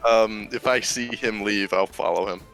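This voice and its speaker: Gravelly man joking at a game table. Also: lowish voice, moderate pace, a bit bright, soft background music, low-quality recording. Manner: joking, laughs often. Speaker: player. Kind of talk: tabletop role-play chat.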